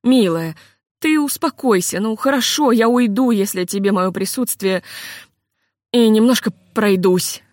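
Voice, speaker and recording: A woman's voice: medium pitch, a little slow, darkish tone, no echo, studio quality, natural voice. A woman voicing a weary, self-reproaching middle-aged male composer in a storybook reading. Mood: pleading.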